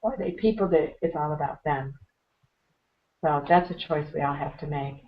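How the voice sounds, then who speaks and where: A low-pitched woman whose voice is going hoarse speaks as a guest in an interview. She talks in an earnest, motivational way and clears her throat now and then. The recording is a little dull and muffled. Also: normal speed. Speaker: interview guest, meditation teacher. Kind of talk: conversational advice-giving.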